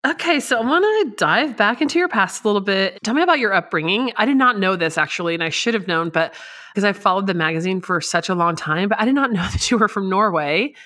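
A woman's voice: medium pitch, lively intonation, fast, a bit bright. Curious woman interviewer, laughing along. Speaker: podcast co-host interviewer. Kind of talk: casual interview.

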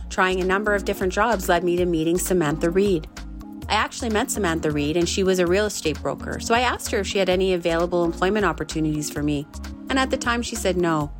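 A woman giving a first-person voice-over interpretation of a signer's words, in a calm, measured delivery. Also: lowish voice. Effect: interpreter's voice-over translating sign language. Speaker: sign language interpreter.

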